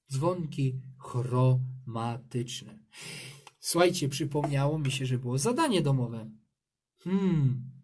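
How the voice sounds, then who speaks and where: Slow, lively male music teacher. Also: mid-range voice. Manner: lively, encouraging, chants rhythm syllables. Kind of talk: online music lesson for young children.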